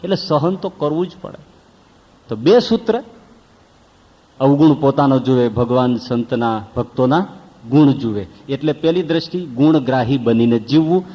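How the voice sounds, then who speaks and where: A man's voice: medium pitch, mellow. Man, monk's sermon, storytelling, long reverb, dull lo-fi. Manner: storytelling with acted voices, rhetorical questions.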